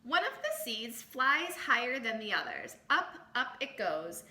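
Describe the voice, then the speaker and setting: A woman reading a storybook aloud to children in an expressive teacher's way, adding little asides, in an echoey room. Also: a little high, unhurried. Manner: animated, exclaims and comments on the story.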